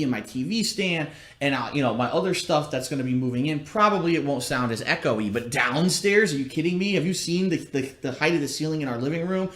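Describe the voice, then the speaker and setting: Guy rambling on a cheap laptop stream, big cave echo from the empty house, voice sits a bit high. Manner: rambling, plain-spoken. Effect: cavernous room echo from bare, unfurnished rooms. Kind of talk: casual chat about home plans. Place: empty newly moved-into house, indoors. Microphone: laptop livestream. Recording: echoey empty room on a low-quality laptop stream.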